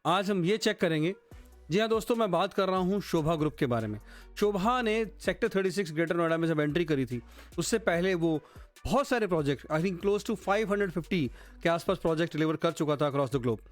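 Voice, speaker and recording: A man's voice: sits high, lively intonation, a little fast, faint music behind. A man, hosting a real-estate channel and presenting slides. He switches between languages and keeps calling his viewers "guys". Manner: code-switching, addresses viewers as friends and guys.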